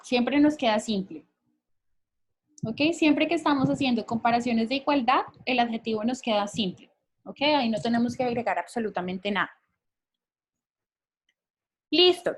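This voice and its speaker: A woman teacher explaining English grammar rules patiently, often checking that her students follow along. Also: a little high. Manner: patient, checks understanding with frequent questions. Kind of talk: recorded grammar lesson explaining in Spanish.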